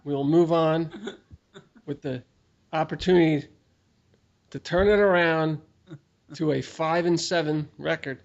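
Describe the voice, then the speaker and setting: A man's voice: on the high side, fairly even intonation, a little slow, creaky, pauses often, muffled recording. A man teasing his co-hosts in a casual, jokey sports picks chat. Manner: teasing, jokey, laughs often. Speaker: show co-host.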